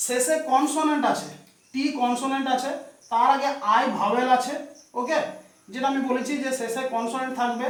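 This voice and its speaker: Guy teaching grammar, spells stuff out, keeps asking okay?, sounds far off in a big echoey room. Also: very high-pitched. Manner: repeats and spells words aloud, checks with "okay?". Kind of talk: classroom lesson.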